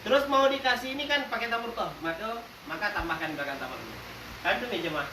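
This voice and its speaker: A high-pitched man who teaches religion conducts an animated grammar class, joking, quizzing students playfully and slowly stretching out example words in call-and-response style. The recording is distant and roomy, with faint noise in the background.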